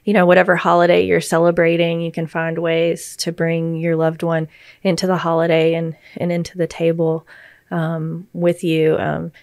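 A woman speaking as a grief counselor and podcast co-host, giving gentle, reassuring explanations in conversation. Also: fairly low pitch, monotone, moderate pace, creaky, smooth, no echo, clean studio sound.

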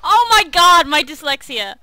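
A young woman hosting her gameplay video, giggly and excitable, reacting loudly to the game. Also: high voice, normal speed, low-quality recording. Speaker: video host. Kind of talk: gameplay commentary with banter.

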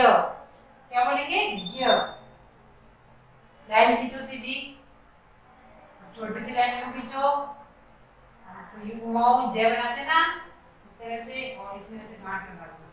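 A woman's voice: a little high, takes it slowly, long pauses, fairly bright tone, a little hiss or hum. A woman kindergarten teacher guiding children through writing letters step by step, with patient instructions and questions for them to repeat. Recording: very echoey room, voice far from mic.

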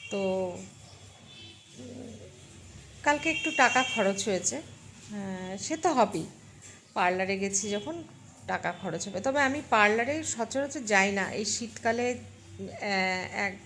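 A middle-aged woman with a hoarse voice chatting casually and haltingly as she narrates a vlog. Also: medium pitch, a bit bright, slight background noise. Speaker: vlogger.

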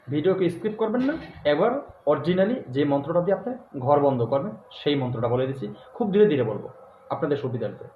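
Guy guru teaching mantras, slow and repetitive, echoey room with faint hiss. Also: a little high. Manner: slow, repetitive, emphatic, chants the mantra in drawn-out cadence. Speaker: spiritual guru giving mantras. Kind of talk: instructional spiritual talk to viewers. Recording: echoey, tinny phone-like sound with faint noise.

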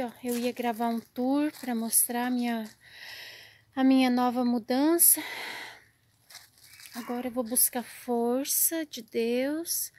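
A woman's voice: on the high side, a little mellow. A woman vlogging in her home garden, dismayed and close to tears, often sighing and dropping to near-whispers. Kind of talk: casual vlog to camera.

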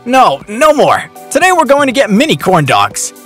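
A man voicing an eager, bashful young man who calls out loudly in a small shop. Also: very high voice, huge pitch swings, normal speed, soft background music, voice pushed up, full character voice.

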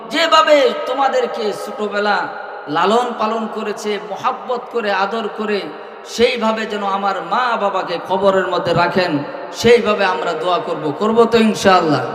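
A man's voice: sits high, fairly bright tone. A man preaching a melodic Islamic sermon, chanting his lines and calling on the crowd to answer back. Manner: chanting, calls for audience responses. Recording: echoey hall reverb.

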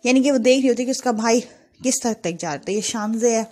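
A woman's voice: on the high side, mellow. Chatty woman recapping a drama episode. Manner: chatty, retells scenes with many fillers. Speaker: drama reviewer.

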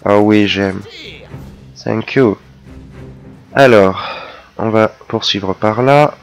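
Low-voiced chatty French gamer man. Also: drawn-out words, soft background music. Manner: chatty, self-mocking, excitable. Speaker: let's play gamer. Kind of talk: casual gameplay commentary.

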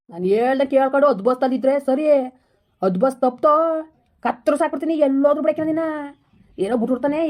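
A woman's voice: high-pitched, natural voice. A woman playing an angry old village man who scolds and threatens his wife in a comedy skit. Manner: harsh shouting threats, rapid scolding.

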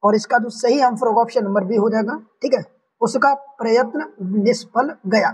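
A man's voice: very high-pitched, moderate pace, darkish tone, far from the mic, slight background noise, poor audio. A man teaching an online exam-prep language lesson, walking through each answer option step by step and repeating the correct ones. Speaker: Hindi exam tutor.

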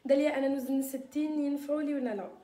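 A woman's voice: high-pitched, fairly even intonation, rapid-fire, dark tone, roomy sound. A woman with an Algerian accent hosting a casual live stream, chatting and greeting viewers and sprinkling French words into her talk. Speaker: live-stream host selling beauty mixtures.

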